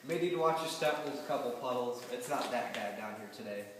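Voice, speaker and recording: Deep inside an underground limestone cave, a man with a mid-range voice talks fast as a tour guide, explaining things casually, cracking jokes and quizzing his group. The recording is distant and noisy, with long, echoing cave reverb.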